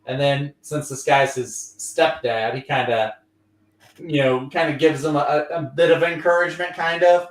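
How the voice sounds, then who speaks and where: Recapping comics on his livestream show, a man from Louisiana wanders through the chat, piling on fillers and slipping into little impressions. His voice is on the high side, steady in tone and moderately paced. It's recorded from a distance, roomy and set back from the mic.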